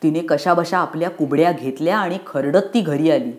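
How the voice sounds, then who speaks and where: A woman narrating a storybook in an expressive, rhythmic reading. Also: low voice, moderate pace.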